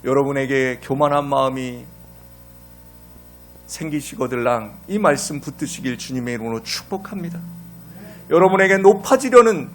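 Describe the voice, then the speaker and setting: A man preaching a sermon as pastor, dramatic, asking his congregation questions and swinging between loud and hushed. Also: mid-range voice, moderate pace, long pauses, slight background noise.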